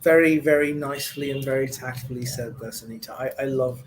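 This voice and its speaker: A man's voice: medium pitch, brisk, a little hiss or hum, rough recording. A man hosting an interview show, effusive and full of thanks, with fillers and restarts. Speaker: host.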